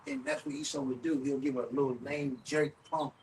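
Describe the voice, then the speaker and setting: A man in a casual group chat, speaking emphatically and pausing with fillers while he lists examples. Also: mid-range voice, very animated, darkish tone, distant mic, a little hiss or hum, poor audio. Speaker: podcast co-host.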